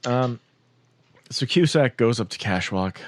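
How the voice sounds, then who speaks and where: A man's voice: medium pitch, lively intonation, unhurried, dry recording. Man casually recapping a film plot. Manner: laughs often, lots of fillers. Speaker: podcast host or guest.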